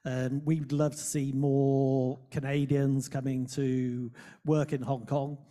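A man with a dark, relaxed voice moderates a panel in a large conference room, speaking into a handheld microphone. He builds long questions for his guest and softens them with small hedges. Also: mid-range voice, slow pace. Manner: asks long framed questions, hedging with "sort of".

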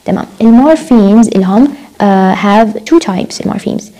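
Mellow-voiced woman lecturing. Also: mid-range voice, animated, a little fast, low-quality recording. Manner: mixes Arabic and English, repeats key words. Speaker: university lecturer. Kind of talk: recorded lecture explaining phonetics.

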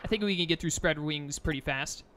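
A man's voice: a little high, brisk, fairly bright tone, slight background noise. A man giving casual, offhand let's-play commentary on a video game, chatting as he plays. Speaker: gaming video host.

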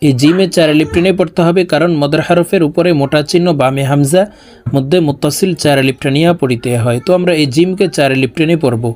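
A woman teaching Quran reading, chanting verses word by word in long drawn-out phrases and explaining the rules. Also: sits low, a little mellow. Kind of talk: melodic Quran recitation with spoken tajweed explanations.

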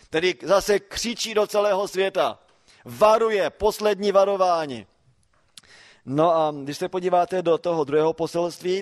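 Man preaching, slightly higher voice, quiet asides rising to emphatic calls. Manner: rhetorical questions, swings from quiet to emphatic. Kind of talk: sermon.

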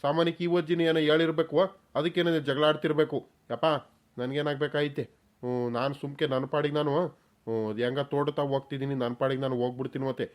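A man's voice: a little high, fast, close to an everyday voice. A man doing a timid, fretful village man. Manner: nervous muttering asides, flattering when addressing the granny. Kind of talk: cartoon voice acting.

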